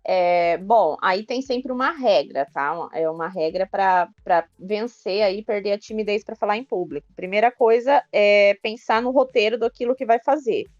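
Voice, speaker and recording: A woman's voice: medium pitch, moderate pace, hardly any pauses, darkish tone, dry recording, highs cut off. A woman from Brazil on a podcast, giving practical advice in a chatty, explanatory way. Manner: explanatory, many filler tags. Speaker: guest speaker on public speaking.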